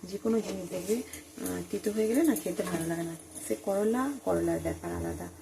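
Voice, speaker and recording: A woman talking softly and chattily to her viewers while cooking at home in the early morning. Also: medium pitch, fairly quick, vocal fry. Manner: speaks softly and quietly; chatty, addresses viewers directly. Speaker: vlogger. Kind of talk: casual cooking vlog. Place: home kitchen at dawn. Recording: noisy home recording.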